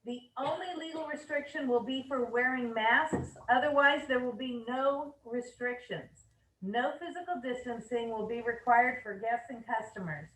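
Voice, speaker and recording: A woman's voice: fairly high pitch, slight background noise. A woman leading an office meeting, reading rules aloud with upbeat asides and fillers, her voice a little worn. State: losing her voice. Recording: roomy, mic at a distance.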